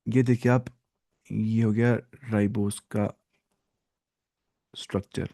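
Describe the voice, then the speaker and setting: Guy doing a biology lecture, keeps asking then answering, says thik hai a lot, slow and stop-start. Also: on the low side, level tone, mellow. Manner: asks the class questions and answers them himself, repeats "ठीक है". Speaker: biology teacher. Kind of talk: online lecture in Hindi-English mix.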